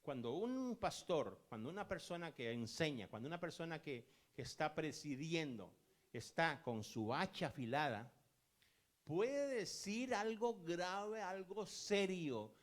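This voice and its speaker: A man preaches a sermon in a calm, storytelling manner. His voice sits a little high and swings widely in pitch. He acts out the voices of the people in his stories without raising his voice. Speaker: pastor.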